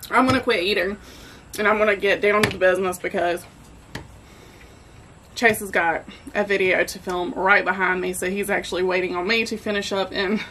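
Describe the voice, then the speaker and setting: A woman's voice: medium pitch, a bit bright, a little hiss or hum, low-quality recording. A woman hosting a casual cooking vlog from her home kitchen, chatty and enthusiastic. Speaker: barbecue cooking host.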